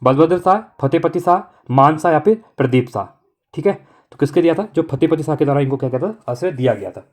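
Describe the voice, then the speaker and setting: A fast-talking man running an exam-prep lesson, his voice sitting a little high for a man. He works through the answers briskly and keeps checking in with the students. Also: expressive, a little mellow. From Uttarakhand. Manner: brisk, repeats "okay" constantly, coaching tone.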